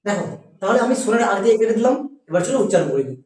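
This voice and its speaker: A teacher giving a spelling and pronunciation lesson, patient and repeating words slowly for students. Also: mid-range voice, very animated, a little mellow, heavy reverb, recorded from a distance, low-quality recording.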